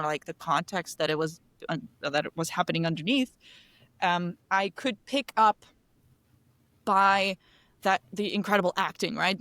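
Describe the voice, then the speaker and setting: A woman in her thirties from Kosovo, a game designer whose first language is Albanian, speaks as a podcast guest. Her voice is fairly low and a bit bright, recorded dry. She's reflective and casual, sprinkling in "like" and "right?" throughout the interview chat.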